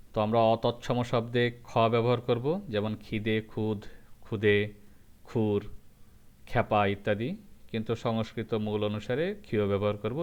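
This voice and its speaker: A man teaching a grammar lesson, going through rules step by step and repeating each example slowly. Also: lowish voice, clean tone, dull audio. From Bangladesh.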